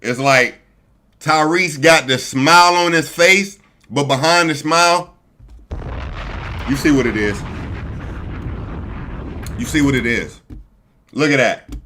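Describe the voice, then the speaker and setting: A man's voice: on the high side, slow pace, pauses often, sharp tone. A man hosting a live stream, casually reacting to a video in loose, slangy talk aimed at his viewers. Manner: loose, chatty, slangy, talks to viewers as family. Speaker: streamer host.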